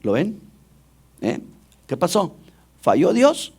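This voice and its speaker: Male pastor, slightly high voice, sermon delivery that keeps questioning the congregation. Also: wildly swooping pitch, slow, gravelly, darkish tone, breathy edge.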